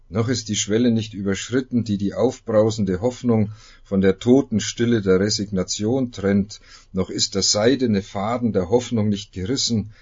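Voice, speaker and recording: Male pastor, sermon, slow deliberate delivery, husky lowish voice, dull lo-fi sound. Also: darkish tone. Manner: dramatic reading with long pauses.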